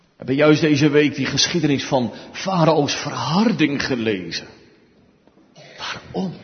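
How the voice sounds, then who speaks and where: A man preaching a sermon slowly and emphatically, swinging between hushed and loud passages. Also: mid-range voice. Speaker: pastor. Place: church. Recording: dull sound with long church reverb.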